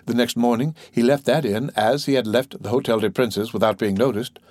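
A man reading a classic novel aloud as an audiobook narrator, in a steady, measured way, close to the mic. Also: medium pitch, no echo. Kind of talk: scripted narration.

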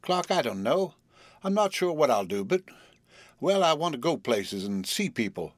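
During a storybook reading, a man voices an affectionate, restless young Southern woman, using a Southern US drawl and an earnest, halting manner. His voice is a little high, very animated and pushed up, with no echo.

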